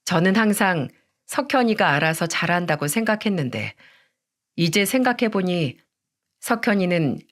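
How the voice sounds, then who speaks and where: Female storyteller, calm scripted narration. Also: on the low side, normal speed. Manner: calm, recounting.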